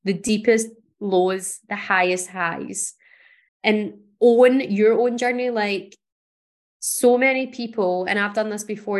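An earnest woman from Scotland speaks on her own podcast in a voice of ordinary pitch for a woman. She talks in an encouraging, emphatic way as she coaches her listeners. It is a motivational solo talk. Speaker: podcast host.

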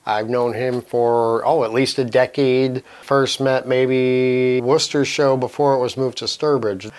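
A man hosting a tattoo podcast at an ordinary middle pitch. He runs the show in a relaxed, friendly way, asking easy questions of an old friend. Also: measured pace, clean tone. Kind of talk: casual interview chat.

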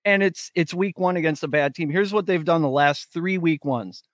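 A man's voice: fairly high pitch, moderate pace, no echo, studio quality. A man co-hosting a sports betting podcast in casual, conversational talk. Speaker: podcast co-host, sports bettor.

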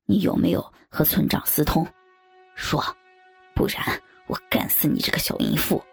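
A woman voicing a jealous but gentle young husband in a story, murmuring low and soft. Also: huge pitch swings, moderate pace, vocal fry, breathy edge, full character voice. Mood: harsh. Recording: faint background music.

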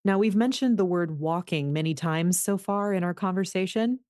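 A woman's voice: lowish voice, normal speed, darkish tone, dry recording, studio quality. A woman from the United States hosting an interview, asking earnest, curious questions in a conversational way. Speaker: podcast host.

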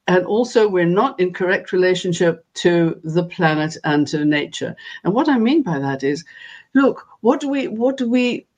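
A woman's voice: mid-range voice, darkish tone. Earnest woman giving emphatic interview answers. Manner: earnest, emphatic, deliberate phrasing with repetition. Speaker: interviewed guest and spokesperson for an organisation. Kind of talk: earnest interview answer on world affairs and spirituality.

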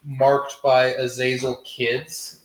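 A man's voice: medium pitch, flat delivery, slow, reverberant, low-quality recording. A man hosting a casual TV review, rambling, sarcastic and profane. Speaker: TV review host. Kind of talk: casual spoiler review chat.

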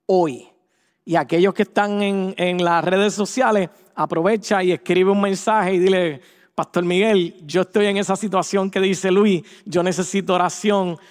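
A man preaching a sermon, animated and acting out quoted voices. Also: high-pitched, vocal fry. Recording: echoey hall with long reverb.

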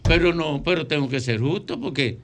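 A Dominican man hosting a call-in radio show, joking and briskly cueing one caller after another. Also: a little high, lively intonation. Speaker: radio talk show host. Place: radio studio.

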